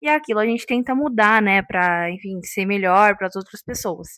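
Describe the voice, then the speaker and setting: A woman's voice: medium pitch, normal speed, fairly bright tone, no room sound. A woman, talking unscripted to her viewers in a casual vlog and checking in with them often. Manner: chatty, checks in with listeners often. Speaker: vlogger.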